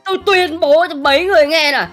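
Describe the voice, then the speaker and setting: Picture a shy ex-bully schoolboy who trips over every word, repeating himself as he works up his courage, as a man acts him out. The voice is pitched up high, with soft music underneath. It plays like a Minecraft role-play scene. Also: quick pace. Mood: boastful. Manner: stammering, repeating words nervously. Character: bashful teenage boy, reformed school bully.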